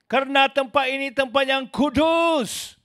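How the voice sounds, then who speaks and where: A man preaching a sermon in an emphatic way, calling his listeners brothers and sisters, swinging from loud exclamations to low asides. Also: sing-song, takes it slowly. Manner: addresses listeners as "saudaraku".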